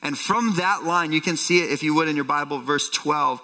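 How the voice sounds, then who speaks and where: A male pastor preaching at a pulpit microphone, his voice bright and forceful with a slightly high pitch. The sanctuary's long reverb trails after his words, and faint music sits underneath. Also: moderate pace. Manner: earnest teaching, often quoting scripture. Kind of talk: sermon. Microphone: speaking at a pulpit microphone.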